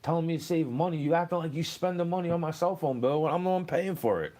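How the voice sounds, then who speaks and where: A man's voice: fairly high pitch, quick pace, dark tone. A young man, rambling and cursing as he answers questions in a street interview. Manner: rambling, profane, aggrieved.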